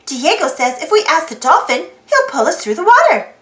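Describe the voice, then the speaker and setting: Here the storybook reader and channel host uses a high, sing-song voice at a moderate pace, fairly bright in tone, in a reverberant space. She reads aloud for children with an exclaiming manner and quizzes her young audience along the way.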